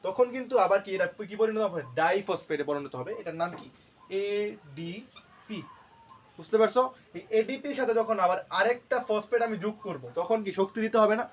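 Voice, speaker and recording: A man's voice: high voice, fast talker, slight background noise. A male teacher giving a classroom lecture, asking questions and answering them himself and repeating key terms to drill them. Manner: asks and answers his own questions.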